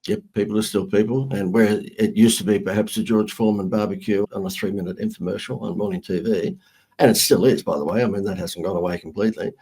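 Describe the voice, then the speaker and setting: A man's voice: fairly low pitch, fairly even intonation, quick pace, warm tone, slightly rough. A middle-aged man with an Australian accent, a marketing guest telling brash, joking stories in a casual interview.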